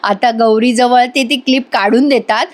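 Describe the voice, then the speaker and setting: A woman narrating a voice-over recap of a TV serial episode in a lively storytelling way. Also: a little high, normal speed.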